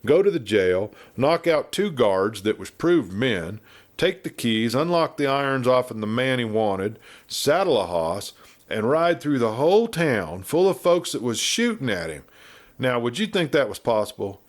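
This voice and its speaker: With big swings in a mid-range voice and an unhurried delivery, a man brings to life a chatty, good-hearted, short-tempered marshal from a storybook frontier. His folksy, blustering talk comes in an American Western drawl, animated and full of gossip.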